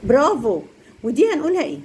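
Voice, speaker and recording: High, sing-song, and racing, yet darkish in tone, a young woman teacher with an Egyptian Arabic accent quizzes and praises little kids while explaining to parents. Slight background noise is present.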